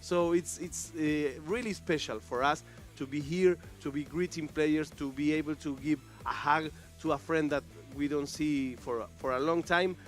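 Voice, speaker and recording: A man's voice: on the high side, fairly even intonation, normal speed, few pauses, faint music behind. A male esports commentator speaking live from a tournament venue, enthusiastic and repetitive, with slightly non-native phrasing.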